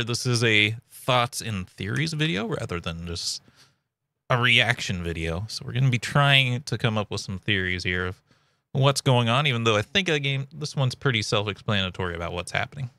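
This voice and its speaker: A man's voice: lowish voice, expressive, moderate pace, gravelly, bright, forceful tone, no echo. A man giving casual, chatty commentary as a video host, recorded up close at home.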